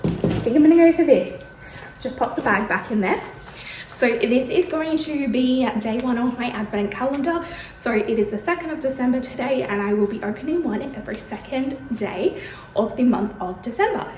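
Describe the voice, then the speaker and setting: Pain leaves this Australian vlogger a little out of breath as she chats to camera at home in her bedroom, with many ums. Her fairly high, expressive voice has a darkish tone and moves at a moderate pace. The audio is roomy, with slight background noise.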